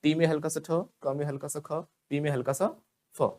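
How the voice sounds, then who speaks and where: A man's voice: fairly high pitch, little pitch movement, a little fast, a little mellow. A man with an Indian accent, a native Hindi speaker, teaching spoken English in a classroom and repeating words over and over for the class to copy. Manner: drills words by repetition, often asks the class to repeat. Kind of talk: classroom pronunciation lesson.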